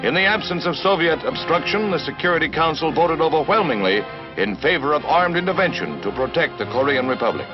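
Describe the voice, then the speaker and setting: A man's voice: on the high side, expressive, a little fast. A man giving dramatic, emphatic old newsreel narration from an archive film. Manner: emphatic, declamatory delivery. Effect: old 1950s newsreel narration. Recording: dull lo-fi archive film soundtrack. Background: orchestral music.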